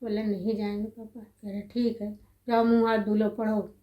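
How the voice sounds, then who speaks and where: A woman's voice: medium pitch, little pitch movement, moderate pace, muffled recording. A middle-aged woman telling a family story as a mother, rambling and conversational, acting out the lines she quotes. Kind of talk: casual spoken storytelling. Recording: echoey room.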